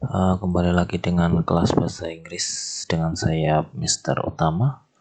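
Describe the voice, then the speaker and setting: A man's voice: low-pitched, little pitch movement, moderate pace, a little mellow, a little hiss or hum. A man teaching an English lesson, explaining patiently and reading example phrases aloud. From Indonesia. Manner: explains in Indonesian, reads English phrases aloud with rising intonation. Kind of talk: recorded classroom lesson.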